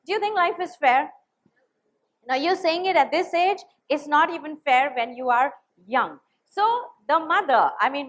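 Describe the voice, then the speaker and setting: A woman's voice: high-pitched, low-quality recording. A woman giving a motivational talk, telling stories and checking often that the audience follows. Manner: animated storyteller, asks the audience for agreement. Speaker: motivational speaker.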